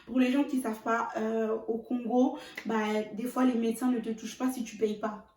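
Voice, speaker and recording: Animated young woman with a high voice. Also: normal speed, slight background noise. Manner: animated, emphatic, speaks straight to viewers. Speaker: vlogger. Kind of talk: storytime vlog. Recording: roomy echo, mic at a distance.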